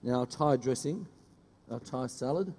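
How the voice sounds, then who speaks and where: A middle-aged man, a chef giving a brisk, joking live cooking demonstration on a studio stage. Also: medium pitch, dark tone, long reverb tail, slight background noise. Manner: brisk, joking, teases the audience. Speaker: chef doing a cooking demo. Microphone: headset mic.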